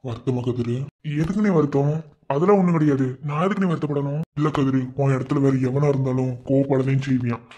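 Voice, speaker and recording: A man's voice: mid-range voice, fast talker, dark tone, muffled recording, close to an everyday voice. A man voicing a caring village elder brother in a cartoon, speaking with a Madurai Tamil accent in an earnest, consoling way. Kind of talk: cartoon voice acting.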